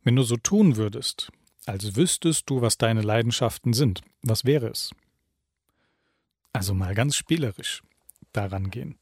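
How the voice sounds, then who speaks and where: A man giving a reflective self-help talk, calmly putting questions straight to the listener. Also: mid-range voice, unhurried, pauses often, husky, dry recording, clean studio sound. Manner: calm, addresses the listener directly with questions.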